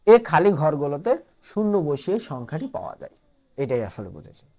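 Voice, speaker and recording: A woman's voice: low voice, big pitch swings, a little fast, warm tone. A woman from Bangladesh teaching a math lesson at the board, explaining step by step, repeating each point and checking that students follow. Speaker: math tutor.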